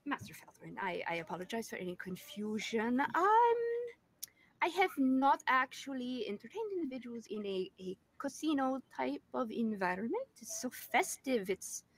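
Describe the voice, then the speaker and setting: A woman's voice: fairly high pitch, sing-song, normal speed, dry recording, pitched above the performer's own voice, rough recording. A woman role-plays a demure lady fortune teller at a tabletop game. She is courteous and formal, easily flustered, and picks her words hesitantly as she apologizes. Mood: demure, apologetic.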